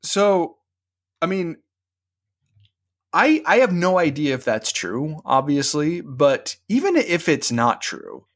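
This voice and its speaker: A man's voice: fairly high pitch, takes it slowly. Chatty man telling a long anecdote. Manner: rambling, animated anecdote with frequent restarts. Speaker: podcast host. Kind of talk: casual storytelling chat.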